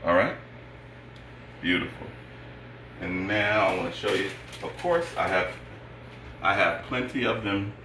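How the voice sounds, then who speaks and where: A middle-aged man with a lowish voice works as a cooking show host, explaining each step in short, casual phrases and approving asides. He is recorded a little away from the mic in an echoey kitchen, with pans sizzling loudly behind him. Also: far from the mic, a little hiss or hum. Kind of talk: cooking show host demonstrating a recipe to viewers. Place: home kitchen, indoors. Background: frying sizzle and stirring.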